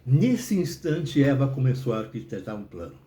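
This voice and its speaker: A man telling a comic story in a chatty, animated way. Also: mid-range voice, normal speed. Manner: animated, chatty, many tag questions. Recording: roomy echo.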